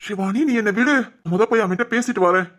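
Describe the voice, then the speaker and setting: A woman's voice: mid-range voice, natural voice. A woman voicing an angry, protective young fiancé. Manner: angry, commanding, quick to threaten. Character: hot-tempered young man, protective fiancé. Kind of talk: amateur family drama voice acting.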